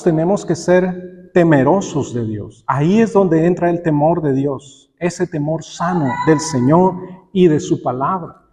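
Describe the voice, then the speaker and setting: A warm-toned man whose voice runs on the high side preaches a sermon aloud in a church hall. Along the way he asks the congregation rhetorical questions and acts out imagined dialogues and quotes, with the long echo of a large hall in the recording.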